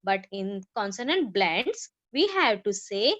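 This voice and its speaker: A woman's voice: medium pitch, sing-song, a bit bright, dry recording. A woman with an Indian accent teaching an online phonics lesson to children, asking questions and repeating sounds. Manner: slow, drawn-out teaching with repeated questions, switching between English and Hindi.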